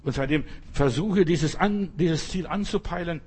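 A man preaches at a church service, his voice sitting a little high with a husky edge. He speaks emphatically and talks straight to his listeners, urging them on. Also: normal speed, a little mellow. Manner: emphatic, addresses listeners directly. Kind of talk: sermon.

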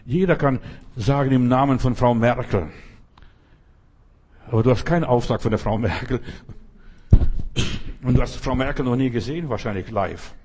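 A man's voice: mid-range voice, husky. A man preaching a conversational sermon, talking straight to one listener and acting out the stories he tells. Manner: speaks directly to one listener, often asks "weißt du"; animated storytelling, acting out quoted voices.

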